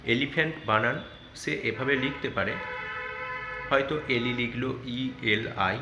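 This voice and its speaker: A man's voice: mid-range voice, normal speed, muffled recording. A man speaking with a Bengali accent, a teacher patiently explaining to parents how to check a child's spelling, spelling words out letter by letter. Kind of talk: online lesson guidance for parents and tutors. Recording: echoey room with faint background noise.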